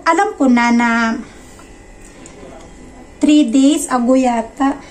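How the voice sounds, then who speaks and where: A pregnant woman vlogger in her thirties from the Philippines, telling her viewers a personal story in a chatty, animated way and acting out the conversations she had. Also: on the high side. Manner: chatty, animated retelling with quoted dialogue. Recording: faint background noise.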